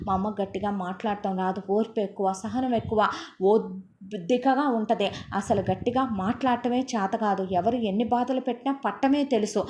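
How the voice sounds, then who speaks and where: A woman's voice: medium pitch, darkish tone, slight background noise, pitched above the performer's own voice, lightly acted. A woman voicing a teenage schoolboy who angrily lectures his stepfather, in a storytelling narration. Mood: reproachful. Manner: indignant, lecturing, rapid reproach.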